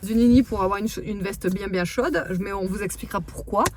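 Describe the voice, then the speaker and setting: A woman in her thirties chatting fast in a casual vlog, with many fillers, recorded in a car. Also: mid-range voice, a crowd in the background. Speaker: vlogger. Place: parked car, then at home.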